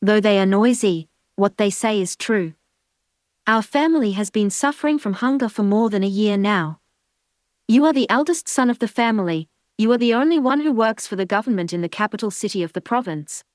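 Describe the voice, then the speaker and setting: Gentle pleading aunt, voiced by a man, soft tone, raised pitch, dry close sound. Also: normal speed, hardly any pauses, no room sound, natural voice. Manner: soft, peaceful tone. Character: gentle peacemaking aunt, adult woman.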